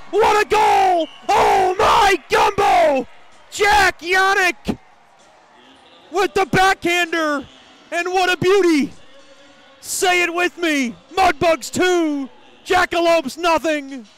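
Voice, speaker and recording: A man calling a hockey game as play-by-play announcer, shouting in a long, drawn-out goal yell. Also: extremely high pitch, sing-song, some chatter behind. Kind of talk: excited sports commentary.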